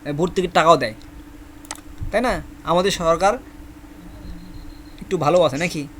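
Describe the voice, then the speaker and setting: Man, high voice, classroom teacher, repeats words, quizzes students, faint background noise. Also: normal speed, fairly bright tone. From Bangladesh. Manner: repeats each word many times, asks the class questions. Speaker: Korean language teacher. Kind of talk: classroom lesson with memory tricks.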